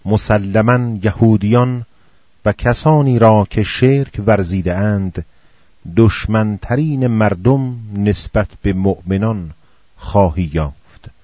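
A man giving a slow, solemn reading of scripture in short measured phrases. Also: on the low side, no room sound. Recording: dull, muffled dry recording.

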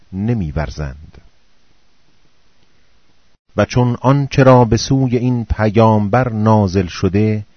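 Male reader, low voice, solemn measured scripture reading, dull dry recording. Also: no echo. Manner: slow, solemn recitation in short phrases.

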